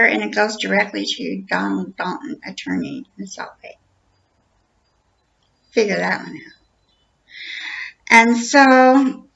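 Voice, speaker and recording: A woman's voice: on the high side, creaky, sharp tone. A woman giving an earnest, repetitive personal account, acting out the dialogue as she tells it. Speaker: storyteller. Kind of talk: personal account told to camera. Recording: dull lo-fi recording.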